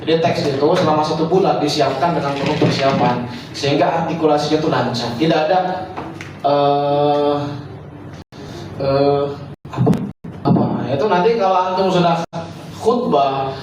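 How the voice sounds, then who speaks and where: A man's voice: a little high, moderate pace, long pauses. A man teaching students, giving instructive feedback with rhetorical questions. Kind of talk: evaluation talk to students after speech practice. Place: school hall. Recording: echoey hall, distant mic, noisy.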